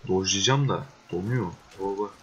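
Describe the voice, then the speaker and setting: A young man giving casual gameplay commentary, swearing and exasperated, with excitable outbursts. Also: deep voice, normal speed, a little hiss or hum. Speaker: gaming video host. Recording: dull lo-fi recording.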